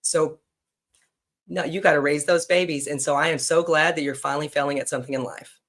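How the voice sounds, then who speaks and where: A man's voice: fairly high pitch, fairly even intonation, fairly quick, fairly bright tone. A man hosting a casual podcast conversation, chatty, blunt and teasing with his guest. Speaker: podcast host.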